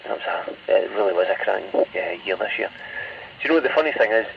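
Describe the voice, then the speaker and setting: Over a muffled, distant, faintly noisy CB radio transmission, a Scottish hobbyist talks in a rambling, casual way and keeps adding small tag questions. His lowish voice is creaky, a little fast, and lively in intonation.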